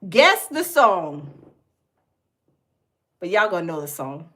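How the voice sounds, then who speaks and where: A woman's voice: on the low side, very animated, slow pace, fairly bright tone. A woman from the American South with a Southern accent, hosting a casual livestream, chatting folksily with viewers and reading their comments aloud. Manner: chatty, folksy, repeats herself. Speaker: livestream host.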